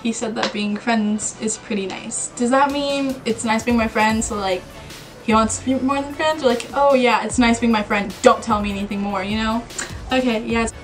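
A woman's voice: fairly high pitch, steady tone, moderate pace, faint music behind, low-quality recording. A woman vlogging to camera in a nervous, rambling way. She talks to herself and repeats her words. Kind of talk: casual vlog to camera.

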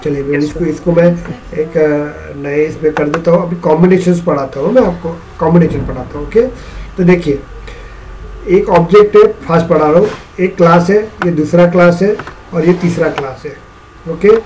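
A man's voice: a little high, moderate pace, a little mellow, a little hiss or hum, low-quality recording. A male teacher giving a classroom programming lecture in a mix of Hindi and English, often checking whether the students understand. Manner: repeats questions to check understanding.

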